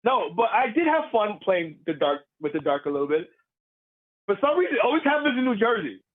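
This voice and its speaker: A man, a professional wrestler, telling stories in a casual interview, lively and laughing as he acts out the crowd's voices. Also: high-pitched, a little fast, narrow, tinny audio. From Puerto Rican heritage.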